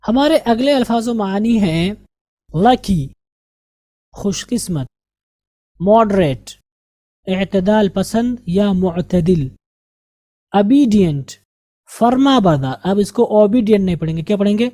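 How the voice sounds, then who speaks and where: A woman English teacher with an Indian Urdu-speaking accent, explaining grammar and drilling vocabulary slowly, repeating each word. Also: mid-range voice, expressive, dark tone, no room sound. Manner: slow, drilling pronunciation and repeating words.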